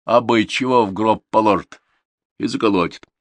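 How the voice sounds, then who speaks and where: A man's voice: lowish voice, moderate pace, no room sound, pitched above the performer's own voice, close to an everyday voice. A man voicing a self-important young village driver who speaks with confident emphasis. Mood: self-assured. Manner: authoritative, emphatic.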